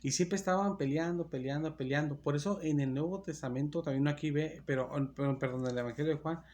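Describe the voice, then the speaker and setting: A man's voice: on the high side, quick pace, a little mellow. A man preaching a sermon in a church, reading Bible verses aloud and explaining them, often restarting and correcting himself. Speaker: pastor.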